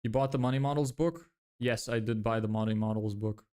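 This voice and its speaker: A young Lithuanian livestreamer in his twenties works through his business plans aloud, stopping to read and answer viewer questions as they come in. The voice is smooth, clear, and middle-pitched, with a darkish, steady tone and a slightly fast pace. He leans on fillers and keeps correcting himself partway through sentences.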